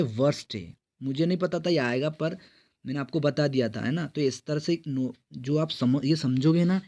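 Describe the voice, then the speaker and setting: A man's voice: mid-range voice, warm tone. Man teaching, quizzing himself aloud. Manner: explains step by step, asks and answers his own questions; reads English quiz sentences slowly and clearly. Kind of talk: exam-prep English grammar lesson.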